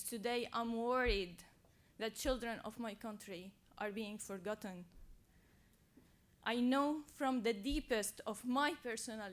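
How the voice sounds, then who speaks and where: A young woman from Syria, a youth advocate, giving an earnest, measured prepared speech. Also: a little high.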